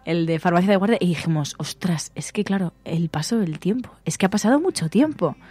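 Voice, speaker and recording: A woman's voice: lowish voice, quick pace, husky, no room sound. Chatty woman co-host. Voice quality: relaxed, chatty. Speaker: radio co-host. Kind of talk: casual chat.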